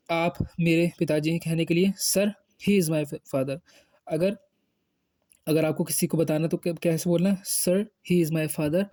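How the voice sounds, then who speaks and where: A man teaching a spoken English lesson, explaining in Hindi and slowly modeling short English phrases with fillers. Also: a little high, dark tone, dry recording, studio quality.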